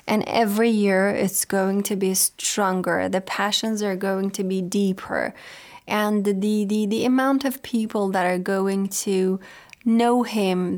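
A woman radio host, not a native English speaker, giving a talk on religious literature in a halting, hesitant way with drawn-out words. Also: medium pitch.

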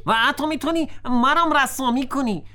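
A woman's voice: high-pitched, bright, forceful tone. A woman voicing a caring cartoon friend who soothes and encourages, with an Afghan Dari accent. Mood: encouraging. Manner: soothing, supportive. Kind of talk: children's cartoon voice acting.

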